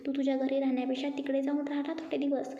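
A woman's voice: sits high, monotone, fast talker, mellow, close to an everyday voice. A woman voicing a cocky, bossy young man who likes to tease, in a story. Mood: mocking. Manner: mocking, bossy. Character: cocky teasing young man, a rich boss. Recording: dull echoey room.

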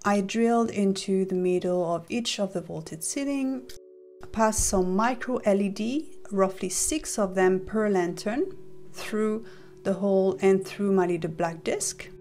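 Calm woman narrating a craft tutorial. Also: medium pitch, measured pace, soft background music. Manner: calm, methodical, practical explanation. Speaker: model maker explaining her build. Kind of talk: step-by-step tutorial voice-over.

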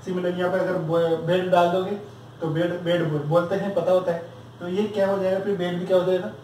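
A man's voice: sits high, little pitch movement, quick pace, a little mellow, a little hiss or hum. A man teaching a grammar lesson for exam preparation, drilling students with repeated questions and answers. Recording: very echoey room, far from mic.

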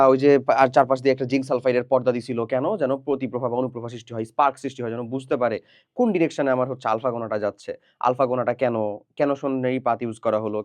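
A man's voice: mid-range voice, darkish tone, no echo. A young man teaching study tips in a casual, chatty lesson, talking straight to students, asking them questions and mixing in English phrases. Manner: explains and asks the listener questions.

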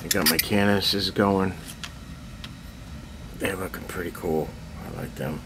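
In a cluttered basement hobby room, an older man shows off his miniatures for a handheld camera, speaking low and a little slowly against a noisy background. The casual update rambles, he's self-deprecating, and he keeps clearing his throat.

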